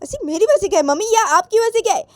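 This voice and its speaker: A woman's voice: very high voice, big pitch swings, fast, no echo, studio quality, voice pushed up. A woman voicing a defiant young woman who whines, argues back and repeats herself in a storybook tale. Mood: arguing. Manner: whiny, argumentative, repeats herself.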